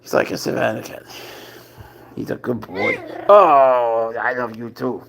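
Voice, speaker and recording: A man's voice: mid-range voice, level tone, normal speed, gravelly, fairly bright tone, slight background noise. A man hosting a casual live stream, chatting playfully and talking doting baby talk to his pet, laughing often.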